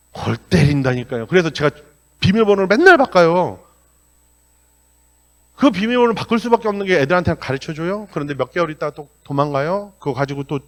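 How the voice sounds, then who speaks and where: A middle-aged male pastor giving a sermon, telling stories in a blunt, colloquial way and acting out the dialogue. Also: fairly high pitch. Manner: animated storytelling with acted-out dialogue. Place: church sanctuary.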